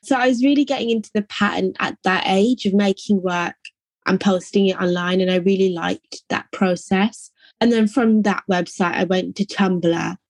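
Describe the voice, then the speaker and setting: A woman's voice: medium pitch, steady tone, normal speed, dry recording. Young woman from England, artist being interviewed, reflective, dry close sound. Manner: soft-spoken, reflective, frequent "like" and "I think". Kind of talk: casual interview answers.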